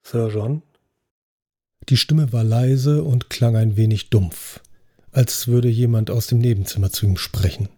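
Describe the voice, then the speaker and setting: A man narrating a story in a measured, even scripted reading. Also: medium pitch.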